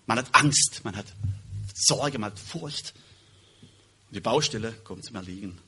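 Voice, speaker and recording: A man preaching a sermon and reading Bible verses aloud, stressing words loudly and then dropping quietly, often restarting words. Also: on the low side, animated, measured pace, slightly rough. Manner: emphatic, swings between loud stresses and quiet drops; self-correcting, restarts words.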